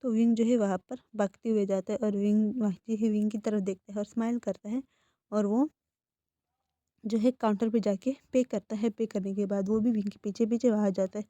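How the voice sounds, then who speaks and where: A woman's voice: mid-range voice, steady tone, fairly quick, dark tone, dry recording, dull audio. Woman casually retelling a story. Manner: plain, conversational storytelling. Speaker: fan fiction narrator.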